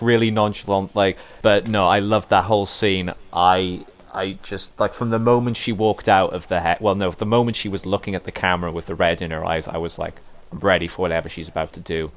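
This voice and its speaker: A man co-hosting a casual review podcast with a deep, low voice. He rambles enthusiastically, peppering his talk with "like.". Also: fairly even intonation, brisk, hardly any pauses. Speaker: podcast co-host.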